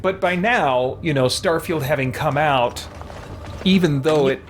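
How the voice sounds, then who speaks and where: Over video game audio and character voices, a streamer with a slightly high voice chats casually at a measured pace, thinking aloud as he plays. There is a bit of background noise.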